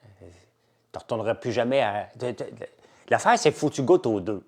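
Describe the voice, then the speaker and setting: A middle-aged man with a Québécois French accent, casually chatting with viewers on a live stream and enthusiastically pitching his products. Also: a little fast. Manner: chatty, enthusiastic salesman, lively and animated. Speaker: entrepreneur hosting a live chat.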